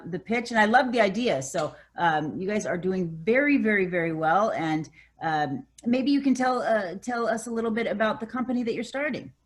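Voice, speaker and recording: A woman hosts a live interview in an eager, encouraging way, often doubling up her words mid-sentence. Her voice sits at an ordinary middle pitch. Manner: enthusiastic, repeats words, encouraging. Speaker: host.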